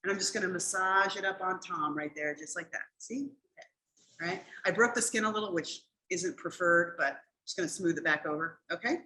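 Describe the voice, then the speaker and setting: A woman's voice: fairly low pitch, brisk, hardly any pauses, pushed and bright, slight background noise, rough recording. Chatty woman teaching a cooking class. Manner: chatty, explains step by step, often checks in with "okay?". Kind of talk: cooking demonstration.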